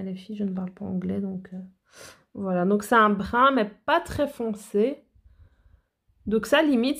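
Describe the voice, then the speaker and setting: A woman chats eagerly to her viewers, full of "euh" fillers and restarts. Her mid-pitched voice has a gravelly, fry-laden edge. She sounds like a nail educator talking casually through a product haul. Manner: chatty, enthusiastic, many fillers and restarts.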